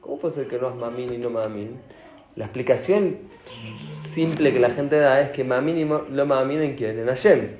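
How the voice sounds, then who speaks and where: A man with an Argentine accent giving a sermon as a rabbi, animated and asking his audience questions. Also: medium pitch, normal speed, slight background noise. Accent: Argentine Spanish. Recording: echoey room.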